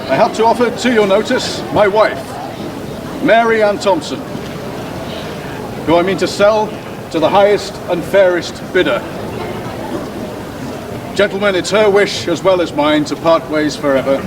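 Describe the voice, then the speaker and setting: A man's voice: high voice, a little slow, long pauses. A man playing an aggrieved nineteenth-century husband auctioning his wife, in pompous, declamatory street theatre. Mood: pompous announcing. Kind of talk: theatrical public oration in street performance. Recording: distant outdoor voice, crowd and traffic noise.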